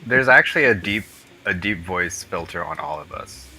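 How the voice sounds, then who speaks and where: A man's voice: low-pitched, animated, normal speed, bright, forceful tone, low-quality recording. A man in his thirties working as a game animator, joking around in a casual stream chat with slangy, laughing talk. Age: 30s.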